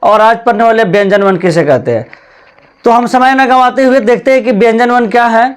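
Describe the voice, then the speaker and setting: A man's voice: very high voice, fairly quick, clean tone. A man teaching a Hindi grammar lesson at a board, repeating key points and asking and answering his own questions. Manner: addresses viewers as "bhai" (brother). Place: classroom with a board.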